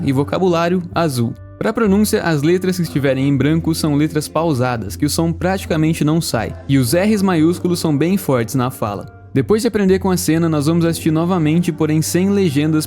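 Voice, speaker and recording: A man with a Brazilian Portuguese accent teaching a casual online English lesson, upbeat, explaining slowly and repeating phrases for practice. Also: fairly high pitch, a little mellow.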